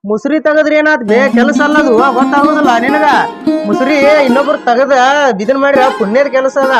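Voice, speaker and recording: A man playing a street seller of rat poison in a comedy sketch, loud hawker's calls and scolding. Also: very high-pitched, steady tone, brisk, loud music behind the voice. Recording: dull lo-fi sound.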